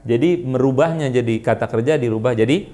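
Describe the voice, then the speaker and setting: An Indonesian-accented man teaching an Arabic grammar class, quizzing students with quick questions and repeating their answers. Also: medium pitch, mellow. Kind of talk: classroom lesson.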